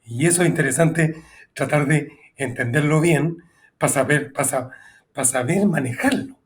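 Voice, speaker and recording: A man's voice: a little high, normal speed. A man hosting an interview podcast, asking long and thoughtful questions in a conversational way. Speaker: podcast host.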